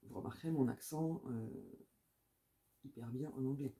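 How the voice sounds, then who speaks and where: A woman chatting casually about her new books as a book vlogger, often pausing with filler sounds and reading blurbs aloud. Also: very deep voice, mellow.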